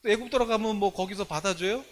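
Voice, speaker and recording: A man preaching as a pastor, telling the story in an animated way and throwing out rhetorical questions. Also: high voice, fast talker, slight background noise. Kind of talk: sermon.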